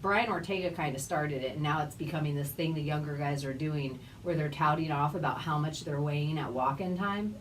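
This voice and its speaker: A woman co-hosting a casual sports podcast, animated and laughing often. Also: low-pitched, fairly quick, few pauses. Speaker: podcast co-host. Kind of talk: casual chat. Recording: distant mic with faint ambient noise.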